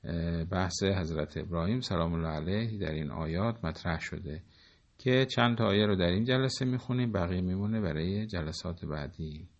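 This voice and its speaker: A man teaching a lesson on scripture. He recites verses and explains them, often asking questions and then answering them himself. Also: low voice. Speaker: Quran teacher. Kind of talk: Quran exegesis lesson. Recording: dull lo-fi recording.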